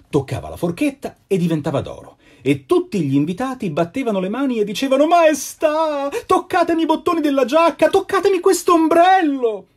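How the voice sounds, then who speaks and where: Guy reading kids stories live, husky voice, bouncing all over the place, kinda hammy and playful. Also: a little high, darkish tone. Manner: theatrical, playful, chatty asides. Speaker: actor and voice actor reading children's stories.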